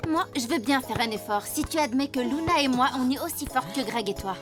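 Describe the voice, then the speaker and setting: Determined cartoon schoolgirl athlete: very high, firm, assertive, heard over loud music. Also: expressive, a little fast. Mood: defiant. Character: determined young girl footballer standing her ground. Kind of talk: French animated series dubbing.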